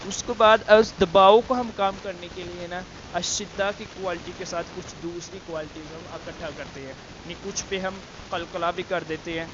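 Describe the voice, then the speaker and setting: A man teaching Quran letter pronunciation, explaining slowly with many fillers and repeating the letter sounds to demonstrate. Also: high voice, steady tone, highs cut off, noisy background. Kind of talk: tajweed lesson with demonstrations.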